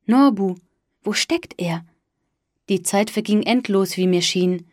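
A woman narrating a story in the first person with a calm, even delivery. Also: mid-range voice, slow pace, no room sound, studio quality.

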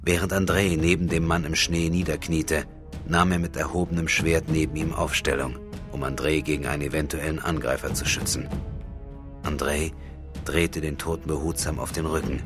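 A man reading a fantasy audiobook in a steady, measured way. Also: very deep voice. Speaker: audiobook narrator. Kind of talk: scripted fantasy narration. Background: faint music.

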